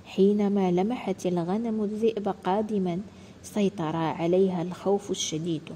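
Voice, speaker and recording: A woman narrating a children's story in a scripted, expressive way, addressing the children directly. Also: medium pitch, slight background noise.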